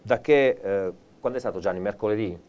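A male presenter giving a live TV shopping pitch, theatrical and enthusiastic, turning often to an off-screen colleague. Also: brisk, a little mellow, dull audio. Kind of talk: live teleshopping sales pitch.

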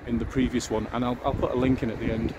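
A man's voice: medium pitch, little pitch movement, fast, dull audio. A man giving a casual walking-tour commentary outdoors, musing aloud with fillers. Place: outdoors on a city street. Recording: outdoor street noise behind.

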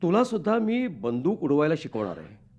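A fiery young revolutionary husband in a radio drama, declaiming with intense, vengeful fervor. His pitch leaps and drops with feeling, sitting a little high for a man. The old broadcast sound is dull and lo-fi. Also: wildly swooping pitch, normal speed, breathy edge, full character voice. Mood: resolute. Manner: intense, declamatory, swings from hushed to fervent.

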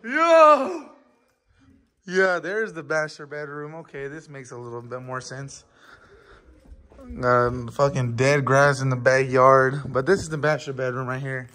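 A man's voice: medium pitch, unhurried, pushed and bright. A young man filming a casual road-trip vlog on his phone, loose, profane and joking with friends. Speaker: vlogger. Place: gas station, car and new house. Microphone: handheld phone camera.

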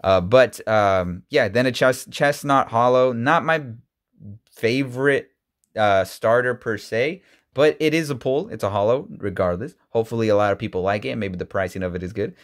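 A man in his thirties with a mid-range voice talks at a normal pace, rambling casually as he opens card packs. He fills gaps with ums and restarts sentences, and his voice jumps up whenever something surprises him. He's recorded indoors on a webcam with a desk mic.

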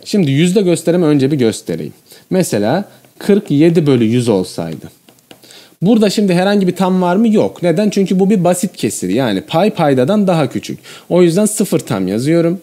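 A man's voice: a little high, sing-song, brisk, dark tone. A man teaching a math lesson, explaining each step and often checking in with the viewer.

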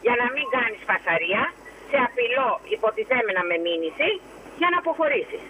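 A woman's voice: a little high, sing-song, pushed and bright, a little hiss or hum, rough recording. A woman phoning in to a show, agitated and indignant as she recounts a complaint. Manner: agitated, indignant, fast retelling with quoted dialogue. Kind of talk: phone-in interview, recounting a complaint.

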